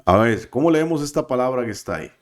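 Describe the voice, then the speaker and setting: A man's voice: medium pitch, expressive, quick pace. A man teaching a biblical Hebrew class, patient and careful, often checking in with his students. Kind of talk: classroom lesson.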